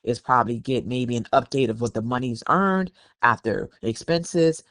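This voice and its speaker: Animated and fairly bright in tone, a medium-pitched American man speaks at normal speed while hosting a podcast. His conversational commentary is opinionated and admonishing, with phrases repeated for emphasis, captured in a dry studio recording.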